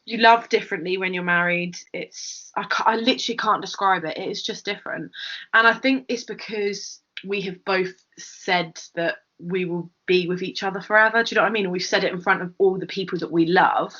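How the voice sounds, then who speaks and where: A woman's voice: medium pitch, brisk, bright, forceful tone. A young woman from England co-hosting a casual podcast, speaking affectionately and gushing, often searching for the right words. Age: young adult. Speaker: podcast co-host. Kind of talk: casual chat. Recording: muffled lo-fi podcast audio.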